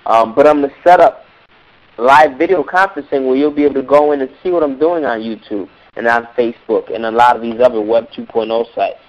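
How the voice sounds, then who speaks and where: Hoarse from a cold, this man coaches musicians on the business side during a motivational teleseminar, talking a little fast at a medium pitch. He leans hard on key points by repeating words. The recording is a dull, lo-fi call.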